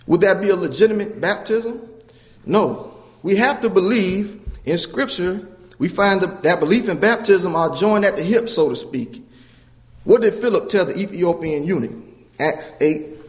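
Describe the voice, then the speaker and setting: A man's voice: sits high, lively intonation, moderate pace. A man preaching a sermon in a church, earnestly teaching scripture and asking the congregation questions. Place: church with a baptistry. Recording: long hall reverb.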